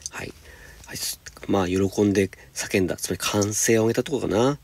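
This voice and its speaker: A man teaching high school English, patiently explaining homework step by step and reading example sentences slowly. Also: creaky. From Japan.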